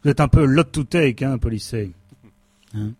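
A man's voice: medium pitch, moderate pace, a little mellow, slightly rough, no room sound, lightly acted. A man playing a cynical male company boss who fires his staff with smug sarcasm, in a stage comedy sketch. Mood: smug, sarcastic. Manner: smug, sarcastic, coldly dismissive.

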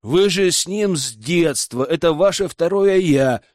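A man's voice: on the high side, animated, unhurried, darkish tone, no room sound, studio quality. A man voicing a whiny, indignant young female witch student in an audiobook. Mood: smug. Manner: whiny, pleading.

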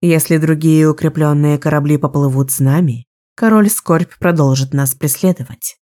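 A young sorceress plotting her next move, voiced by a woman reading an audiobook. Her voice sits low and mellow, calm and measured. She speaks with quiet decisiveness. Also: close to an everyday voice. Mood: resolute. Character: resolute young female sorceress, strategist.

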